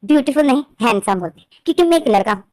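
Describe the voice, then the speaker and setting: A woman's voice: high-pitched, lively intonation, very fast, darkish tone, dry recording, voice pushed up. A woman doing a snappy irritated young man. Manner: snappy and annoyed. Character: irritated, proud young man rebuffing advances.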